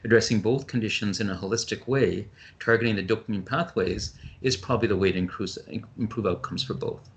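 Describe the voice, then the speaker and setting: A male physician giving a webinar talk over a video call, explaining briskly with frequent ums and restarts. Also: fairly low pitch. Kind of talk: webinar presentation.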